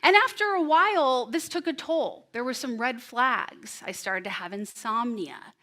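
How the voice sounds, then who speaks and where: A woman in her thirties performing a personal story on stage before an audience, with an expressive, animated delivery and dramatic pauses. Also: fairly high pitch. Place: presentation room before an audience.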